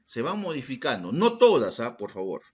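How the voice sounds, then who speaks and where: A man's voice: mid-range voice, wildly swooping pitch, normal speed, husky. A male schoolteacher teaching a class, calling on students by name, repeating their answers and posing questions in their voice. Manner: asks rhetorical questions in the students' voice. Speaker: secondary school language teacher.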